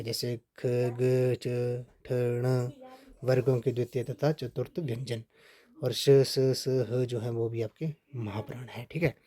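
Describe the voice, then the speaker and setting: A man teaching a Hindi grammar lesson for exam preparation, steady and repetitive, often checking in with "ठीक है". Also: mid-range voice. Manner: steady, repeats points with frequent "ठीक है" checks.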